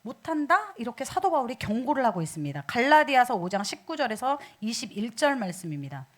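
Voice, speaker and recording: A woman's voice: a little high, fast. A woman preaching a sermon in a church, asking the congregation questions as she goes. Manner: animated, asks the congregation questions.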